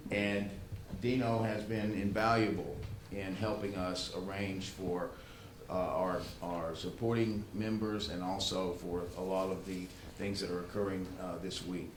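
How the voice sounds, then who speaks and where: An event host with a fairly low voice and fairly even intonation gives informal remarks to a good-sized, echoing meeting room, speaking haltingly and doubling back on words. A livestream microphone, not amplified in the room, picks him up with faint noise behind.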